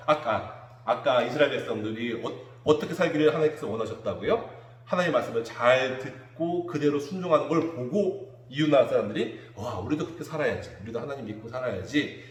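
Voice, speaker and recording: A male children's pastor talks kids through a sermon, lively and playful, slipping into the voices of children. His pitch jumps up and down a lot. The sound is roomy, with a long church-hall reverb. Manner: animated, acts out children's quotes. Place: church room.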